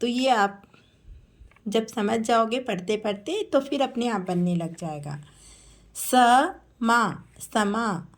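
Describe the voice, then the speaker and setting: Woman teacher, spelling lesson, very slow, drawn-out syllables, slightly high voice. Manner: drawn-out, syllable-by-syllable dictation of names.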